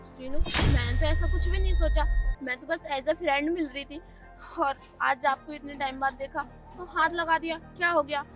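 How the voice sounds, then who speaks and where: A woman's voice: high voice, moderate pace, fairly bright tone, soft background music. A young woman playing a poor, earnest young woman who reproaches her ex-boyfriend in a web skit. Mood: reproachful. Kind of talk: Hindi web skit acting.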